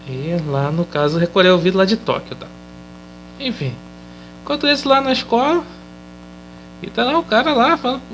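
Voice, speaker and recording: A man's voice: sits high, a bit bright, slight background noise, poor audio. A man with a Brazilian Portuguese accent casually recapping a TV episode, chatty and loose, often tagging his sentences with questioning fillers. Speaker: episode reviewer.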